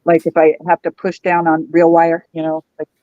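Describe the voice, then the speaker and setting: A woman guest on a craft livestream, explaining her beadwork in a relaxed, chatty way. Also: deep voice, normal speed, no echo, narrow, tinny audio. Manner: relaxed, explanatory, lots of "you know". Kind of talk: casual chat on a live stream.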